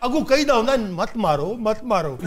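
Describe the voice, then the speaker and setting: A man doing a cheeky Punjabi prison inmate who laughs his way through his complaints. His voice is very high and lively, with noise audible behind it. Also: normal speed. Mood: joking. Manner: joking, laughing, teasing.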